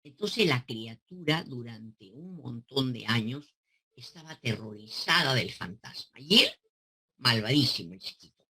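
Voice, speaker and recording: Lively, husky-voiced woman psychoanalyst. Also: extremely low pitch, unhurried. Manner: animated, teaching through examples and rhetorical questions. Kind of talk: explaining to a caller on a talk show.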